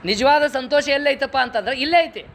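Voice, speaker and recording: High-voiced North Karnataka lecturer, middle-aged man. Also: brisk, vocal fry, slight background noise. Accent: North Karnataka Kannada. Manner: lively, rhetorical questions, folksy anecdotes. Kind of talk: public moral lecture with storytelling.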